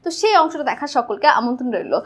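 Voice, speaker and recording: High-voiced woman teaching patiently. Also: big pitch swings, fast talker, fairly bright tone. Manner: patient, repeats points and drills sounds one by one. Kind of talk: classroom lesson explaining phonetics.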